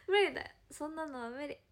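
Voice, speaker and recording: A woman's voice: high-pitched, pushed and bright. A young woman from Hiroshima, speaking with a Hiroshima dialect, chatting casually and giggling as an idol on a livestream, answering viewer comments. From Hiroshima, Japan. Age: young adult. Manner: chatty, giggly, drawn-out musing.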